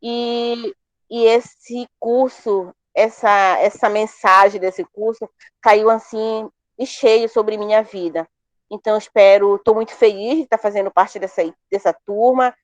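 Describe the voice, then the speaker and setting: A woman's voice: mid-range voice, steady tone, a little slow, dry recording. Earnest woman, dry close sound. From Pará, Brazil. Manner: earnest, hopeful, repeats words as she gathers thoughts. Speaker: course participant, family farmer. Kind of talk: introducing herself in an online class.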